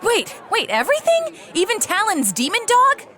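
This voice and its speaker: A woman acting a sardonic fantasy schemer, cynical and secretive. Her high voice moves freely through dry, teasing lines, with a faint crowd behind. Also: huge pitch swings, moderate pace, pushed and bright, heavily acted. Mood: startled. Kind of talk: comic fantasy audio drama acting.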